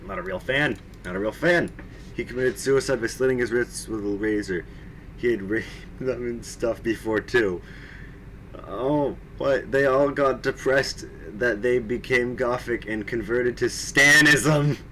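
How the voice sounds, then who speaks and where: A man's voice: medium pitch, measured pace, sharp tone, a little hiss or hum, poor audio. A man reading fan fiction aloud on a live stream, with mocking asides, frequent laughter and swearing. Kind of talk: casual comedic dramatic reading.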